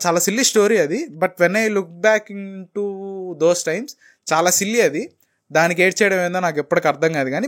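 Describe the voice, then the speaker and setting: A young man in his twenties with a Telugu accent, telling a candid personal story as a vlogger and slipping English phrases into his talk. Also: sits high. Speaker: motivational vlogger.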